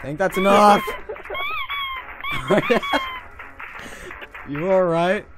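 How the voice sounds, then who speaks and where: A man's voice: medium pitch, big pitch swings, measured pace, over music. A young man in casual game chat who rambles with many fillers and laughs a lot, talking into a heavy desk mic. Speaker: gamer. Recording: noisy online voice chat.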